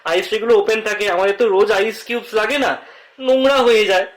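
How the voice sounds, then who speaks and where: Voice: mid-range voice, quick pace. A co-presenter chatting casually about the shopping, explaining prices and details. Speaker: co-presenter, family member. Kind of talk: casual chat. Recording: echoey room, faint noise.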